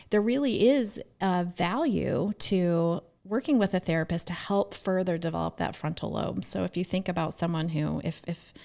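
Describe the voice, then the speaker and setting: A woman co-hosting a casual podcast, a therapist and mother telling lively stories from raising her kids. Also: fairly low pitch, creaky. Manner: lively storytelling, acts out her own past remarks.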